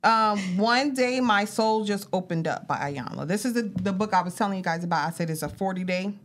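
A woman's voice: medium pitch, expressive, a little fast. A middle-aged woman co-hosting a podcast, chatting casually and animatedly, laughing often. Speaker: podcast co-host. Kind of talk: casual chat.

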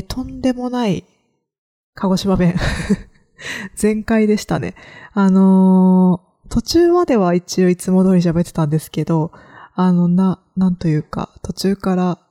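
A woman from Kagoshima hosts a solo podcast in a casual, reflective manner. Her voice sits a little low and sounds warm and mellow. She often pauses and uses fillers while she gathers her thoughts. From Kagoshima, Japan. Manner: reflective, hesitant, many fillers. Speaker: podcast host.

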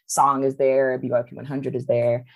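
A woman's voice: very deep voice, level tone, normal speed, muffled recording. A woman from Charlotte, North Carolina, talking casually as a guest organizer, with frequent "um" and "like" and loose, trailing lists. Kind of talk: casual conversational discussion.

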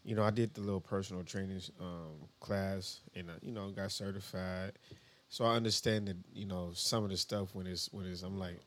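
A man hosting a casual conversation, relaxed and affirming, with short interjections. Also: low voice, normal speed. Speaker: podcast host.

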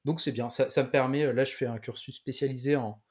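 Male podcast co-host, casual chat, hesitant delivery with lots of restarts, mid-pitched. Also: fairly even intonation, fast, darkish tone. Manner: hesitant, many restarts and fillers.

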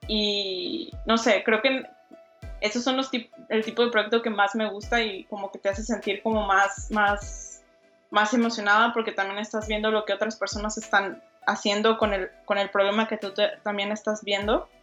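Over soft background music, a young adult Mexican designer speaks as an interview guest in a mid-range, level voice at normal speed with a slightly bright quality. Her answers are casual, full of fillers and restarts.

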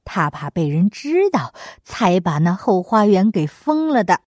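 A woman voicing a brash, clever male monkey king in a lowered, quick, coaxing voice. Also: very animated, darkish tone, no room sound, studio quality. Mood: sly.

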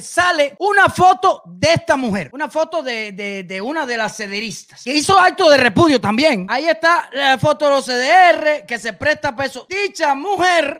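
A man's voice: very high-pitched, fairly bright tone. A man with a Cuban accent giving angry political commentary, scolding and firing rhetorical questions. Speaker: online commentator.

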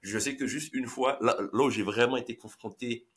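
A man hosting a podcast, talking in a relaxed, hesitant way with lots of fillers. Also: medium pitch, moderate pace. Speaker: podcast host. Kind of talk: casual podcast conversation.

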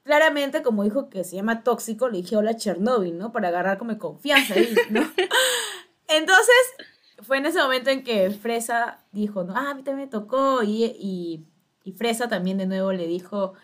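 A woman's voice: on the high side, expressive, normal speed. A woman, co-hosting a casual chat and telling a story with lots of laughter and slang. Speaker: podcast co-host.

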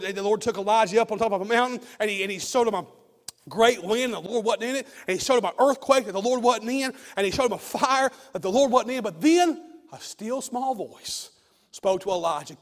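Hoarse high-voiced pastor preaching. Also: male voice, brisk. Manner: fervent preaching with frequent restarts and repeated words. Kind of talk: sermon. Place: church sanctuary, at the pulpit. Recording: long church reverb.

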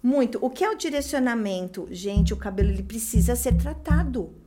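A Brazilian woman with a fairly high-pitched voice speaks as a guest trainer. She explains in a conversational but didactic way, leaning on key points and repeating them for emphasis. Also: expressive, brisk, mellow, soft background music. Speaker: guest hair-salon service trainer.

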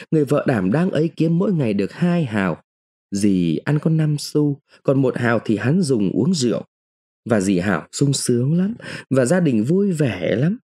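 A man reading a literary short story aloud in the first person, with an expressive, dramatic delivery. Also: medium pitch. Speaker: narrator.

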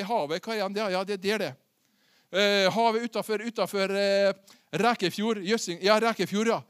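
A man's voice: extremely high pitch, fairly bright tone. A man preaching a sermon who keeps putting questions to his listeners. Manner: asks the listeners questions and acts out the quoted words.

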